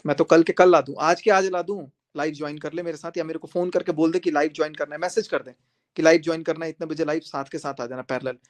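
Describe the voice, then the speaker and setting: A man's voice: fairly high pitch, steady tone, quick pace. A man on a live stream, speaking confrontationally and repeating himself as he calls a rival to join him. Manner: confrontational, repetitive, addressing viewers directly. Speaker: livestreamer.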